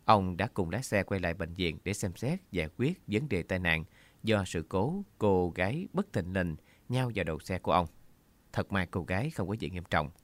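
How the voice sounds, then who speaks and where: Man reading a story out loud, lowish voice, steady and earnest, dry close mic. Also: no room sound. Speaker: narrator. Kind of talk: story narration.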